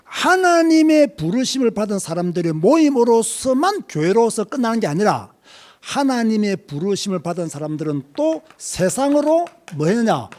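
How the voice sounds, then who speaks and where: Lively Korean preacher. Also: male voice, sits high, moderate pace. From Korea, Busan. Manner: lively preaching, questions to the congregation. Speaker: pastor. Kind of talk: sermon.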